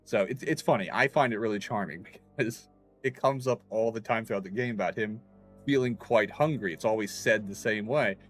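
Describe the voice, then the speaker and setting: A man's voice: on the low side, a little fast, faint music behind. A man livestreaming a game, telling stories in a chatty way and laughing often. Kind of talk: casual gameplay commentary.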